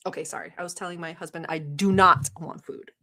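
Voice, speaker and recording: A woman's voice: deep voice, fairly quick, pushed and bright. A young woman born in Turkey, Turkish her first language, hosting a casual livestream, chatty and teasing, laughing often and swearing casually. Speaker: livestream host. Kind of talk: casual livestream chat reacting to a video.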